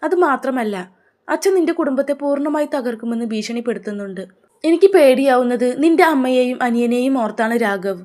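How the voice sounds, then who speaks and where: A woman's voice: sits high, lively intonation, fairly quick, a little mellow. A woman voicing a frightened but brave young daughter in a narrated story, speaking in an earnest, pleading way.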